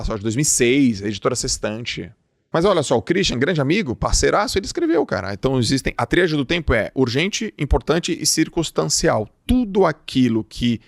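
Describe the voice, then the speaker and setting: A man with a gravelly, creaky voice gives a casual but emphatic motivational talk. He acts out small everyday exchanges as he goes, and the recording is close and dry. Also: medium pitch, dry recording. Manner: emphatic, acts out little dialogues. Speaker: motivational speaker.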